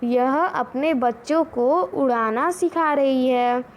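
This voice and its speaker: Teacher doing a forgetful little boy from a storybook, bright and excitable. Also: high voice, takes it slowly, slight background noise. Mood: delighted. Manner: excited, childlike exclamations.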